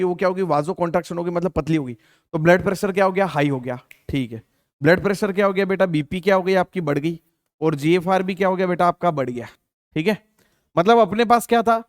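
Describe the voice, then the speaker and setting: A man's voice: high-pitched, no echo, clean studio sound. A man teaching a biology exam-prep lesson. He asks his students questions, answers them himself, and keeps repeating the key terms with lots of fillers. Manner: calls listeners beta, many fillers like theek hai. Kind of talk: Hindi exam-prep lecture.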